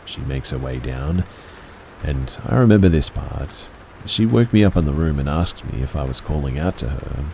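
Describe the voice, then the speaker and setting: Deep male horror narrator, measured and hushed delivery. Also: animated, gravelly, slight background noise, rough recording.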